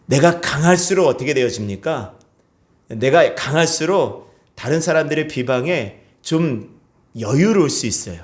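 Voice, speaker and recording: Korean pastor preaching, questioning the flock. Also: male voice, on the high side. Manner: asks the congregation questions and calls for amens. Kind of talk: sermon. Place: church sanctuary.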